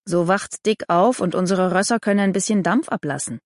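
A woman's voice: medium pitch, a little fast, no echo, clean studio sound, close to an everyday voice. A woman voicing an impatient teenage girl rider who teases her friends. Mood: impatient, teasing.

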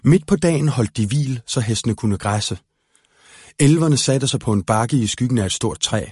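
A man calmly narrating a fairy-tale storybook aloud. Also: mid-range voice, husky, no room sound, studio quality. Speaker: audiobook narrator.

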